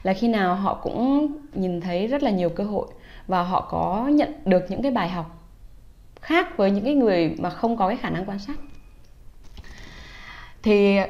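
A woman's voice: medium pitch, darkish tone, highs cut off. A woman, a teacher, explaining English phrases and pronunciation to parents in a patient, casual way. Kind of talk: casual instructional talk to parents.

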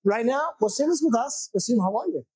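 A male host in his forties with a high, husky voice, guiding a conversation and dropping frequent short acknowledgements. The sound is dry and close, from a lapel mic. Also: expressive, fairly quick, darkish tone, dry recording, poor audio. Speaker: show host. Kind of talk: conversational interview hosting. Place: small wood-paneled room, indoors.

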